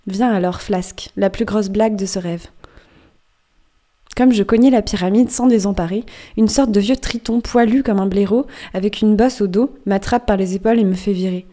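A woman narrates as a cocky old-time sailor spinning a yarn about his dream, conspiratorial and amused. The voice is mellow and dark, steady in pitch, never rushed into a shout. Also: lightly acted. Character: wry, boastful male sailor telling his dream. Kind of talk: audiobook reading.

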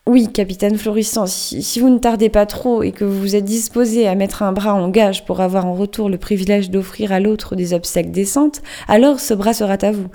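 A garrulous male ship's doctor, as a woman reads him in a storybook reading. He lectures with a knowing, anecdotal air. The tone is soft and mellow. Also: medium pitch, normal speed, few pauses, close to an everyday voice. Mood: chatty.

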